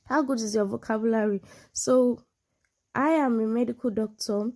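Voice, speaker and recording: A woman with a Nigerian accent, whose first language is a Nigerian one rather than English, gives an informal instructional talk to camera as an online English exam tutor. Her voice is fairly high, sonorous and warm, with a steady tone at normal speed. She illustrates points with examples and checks in frequently with "yeah" and "you know".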